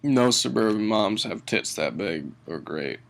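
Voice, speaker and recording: Tipsy man with slow, creaky delivery. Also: lowish voice, lively intonation. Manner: tipsy, drunken rambling delivery; halting, sweary, often chuckling mid-sentence. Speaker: film reviewer. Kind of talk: casual comedic movie review.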